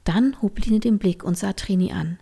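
A woman reading a bedtime story aloud, softly and often in a whisper. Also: medium pitch, normal speed, gravelly, breathy edge. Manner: soft, often whispered narration.

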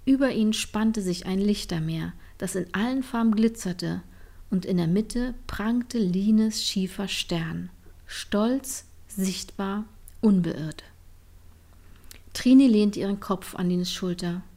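A woman narrating a storybook tale gently, often softening to a whisper. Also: mid-range voice, takes it slowly.

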